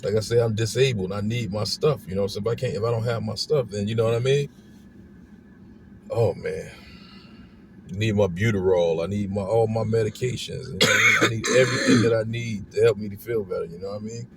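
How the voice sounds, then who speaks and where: A man's voice: fairly low pitch, fast. Aggravated sick man ranting in a car. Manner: heated, repetitive, keeps asking "you know what I'm saying". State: unwell, congested. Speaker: family vlogger. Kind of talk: ranting car-ride vlog. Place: inside a car on the ride home. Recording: car road noise behind the voice.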